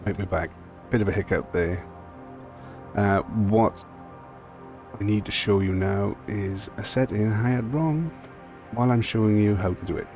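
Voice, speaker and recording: A Welsh man with a deep, gravelly voice talks through his game settings in a loose, offhand way. He is blunt and rambles from point to point, with faint music playing behind him. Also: a little slow, long pauses, a little mellow. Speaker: sim racing video host. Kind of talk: casual game settings walkthrough.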